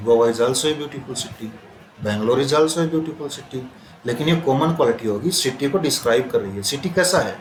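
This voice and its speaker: A male teacher gives a classroom grammar lesson at an ordinary pitch. He sounds out words bit by bit and repeats them, checking with questions that the students follow. The voice carries around a roomy classroom over a faint background hiss. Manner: repeats and drills words slowly, quizzing students. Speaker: English teacher.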